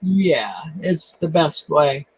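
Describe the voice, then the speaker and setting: A man hosting a casual coin live stream, talking in a halting, self-deprecating way with lots of fillers. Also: fairly high pitch, lively intonation, slightly rough, poor audio. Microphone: webcam.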